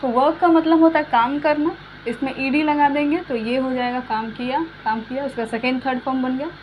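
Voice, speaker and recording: A woman's voice: sits high, fairly even intonation. Woman teaching English verbs, dull lo-fi sound. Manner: explains slowly with repeated examples. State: coughing now and then. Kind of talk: spoken English lesson. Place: home room with fan switched off. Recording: dull lo-fi recording with faint hum.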